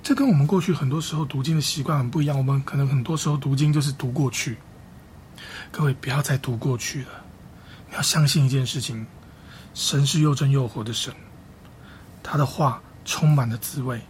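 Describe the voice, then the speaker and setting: A man preaching a sermon as a pastor, teaching Bible reading with slow, repeated, emphatic phrases. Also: mid-range voice, darkish tone, a little hiss or hum.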